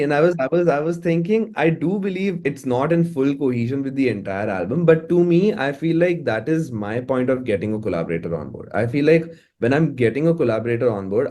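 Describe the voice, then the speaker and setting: A man with an Indian accent and a mid-range, dark-toned voice chats casually in an interview as a musician. He's informal and often repeats words in a stammering way as his thoughts form.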